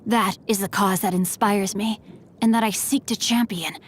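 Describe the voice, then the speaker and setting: A woman speaks in her natural, medium-pitched voice with fairly even intonation and a moderate pace, voicing a courteous, playful, refined young male swordsman-scholar for a game. The delivery is polite, composed, formal and gently teasing, over faint background noise.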